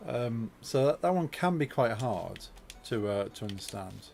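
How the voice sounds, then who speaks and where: A man with a Midlands English accent, chatting casually as a game streamer and speaking with deliberately clear, precise diction. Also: mid-range voice, expressive, darkish tone, soft background music. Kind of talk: casual chat while gaming.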